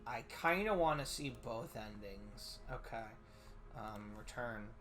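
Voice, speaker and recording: A man's voice: mid-range voice, animated, slow pace, fairly bright tone, soft background music. A young man giving casual let's play commentary, reactive, informal and given to swearing. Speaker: game streamer.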